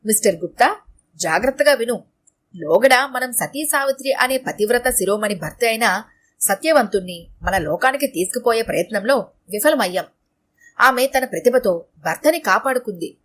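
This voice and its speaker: Woman voicing a booming stern death god. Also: animated, normal speed, a bit bright. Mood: commanding.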